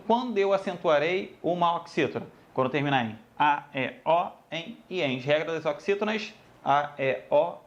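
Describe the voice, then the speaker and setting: A man's voice: fairly high pitch, muffled recording. A man teaching a grammar lesson, addressing students casually and repeating each rule. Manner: lively, addresses students as "galera", repeats rules.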